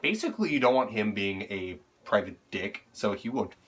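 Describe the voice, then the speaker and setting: A man's voice: lowish voice, big pitch swings, normal speed, a bit bright, slightly rough. A young man casually chatting as co-host, crude and joking with frequent laughs. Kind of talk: casual chat.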